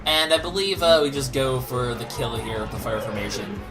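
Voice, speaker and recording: A man's voice: medium pitch, steady tone, moderate pace. A man giving casual, rambling, analytical gameplay commentary as a let's play host. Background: game music.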